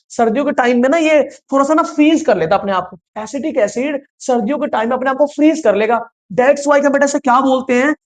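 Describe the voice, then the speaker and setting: A male teacher giving an online science lesson, repeating questions and answers in a coaxing, reassuring way. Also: very high voice. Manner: repetitive quizzing, calls students "beta". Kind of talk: online class lecture.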